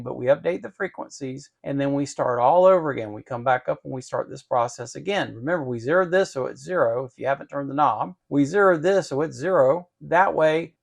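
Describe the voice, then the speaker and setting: An electronics channel host and programmer gives an informal, methodical walkthrough of some code, repeating phrases for emphasis. His voice is on the high side, with vocal fry.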